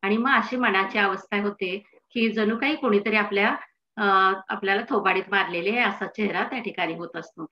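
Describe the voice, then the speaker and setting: A woman's voice: medium pitch, normal speed, lo-fi sound. A woman teacher explaining a textbook chapter to students in an explanatory manner, often prompting them to "see".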